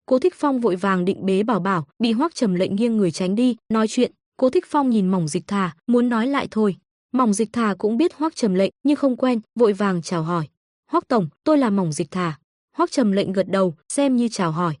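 A woman narrating a comic story in an even, steady reading. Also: mid-range voice, brisk, dry recording, clean studio sound.

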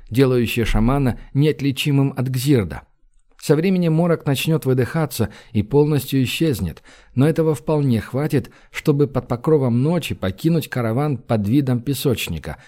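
A man reading a fantasy novel aloud in a steady, even storytelling voice. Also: mid-range voice. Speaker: narrator. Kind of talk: scripted audiobook narration.

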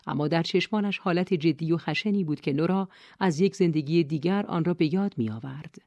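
Low-voiced woman narrating an audiobook. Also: no echo, muffled recording. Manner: even, measured reading.

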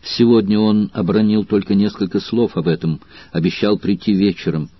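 A man with a husky voice reading the lines of a passionate noble Roman woman in an audiobook, soft and anxious, often near a whisper. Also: lowish voice, fairly even intonation, normal speed, no room sound, lo-fi sound. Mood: urgent.

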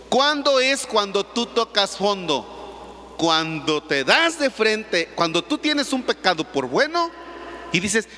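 A priest preaches with a bright, high voice and a wide, animated melody, and he teases his congregation as he goes. The sermon rings through a large church with long reverb. A faint hiss lies underneath. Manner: animated storytelling, teasing the congregation.

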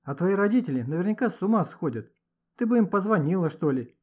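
Storybook schoolboy, read by a man: offhand, grudgingly helpful, lively voice. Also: high voice, fast, dull audio. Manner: offhand, sighing.

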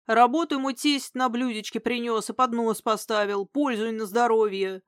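A woman reading aloud as a blunt, gruff older village man who speaks emphatically and flares up easily. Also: a little high, fairly even intonation, dry recording, clean studio sound, natural voice. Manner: emphatic, outspoken, quick to flare up.

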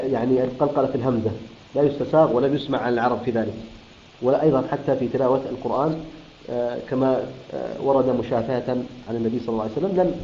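A man's voice: mid-range voice, a little hiss or hum. A man teaching Quran recitation rules, explaining step by step, repeating terms and answering his own questions. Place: room of a Quran school. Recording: roomy, dull lo-fi room recording.

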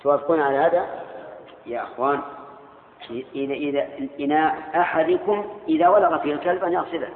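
A man's voice: on the high side, a little hiss or hum. Older man lecturing in an echoing hall. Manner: pauses and repeats phrases, asks the audience questions. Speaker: Islamic scholar teaching a class. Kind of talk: lecture on jurisprudence, questions to students. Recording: echoey hall, tinny phone-like audio.

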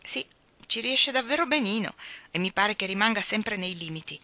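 A woman's voice: medium pitch, bright, forceful tone, dry recording. A woman reading the lines of a frank young woman in a storybook audiobook, earnest and mildly scolding.

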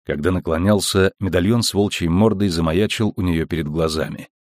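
A man narrating an audiobook in a measured, even reading. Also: low voice, no room sound, clean studio sound. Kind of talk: scripted narration.

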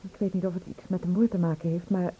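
In a vintage radio play with tinny, narrow-band sound, an actress portrays a shaken woman who saw a murder. She confides her fears hesitantly and uneasily. Her voice is fairly low, mellow and husky, with a flat delivery and a quick pace.

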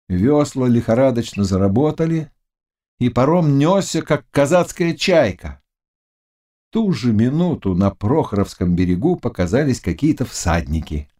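A male audiobook narrator reading a classic novel in an expressive, dramatic way. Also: medium pitch, measured pace.

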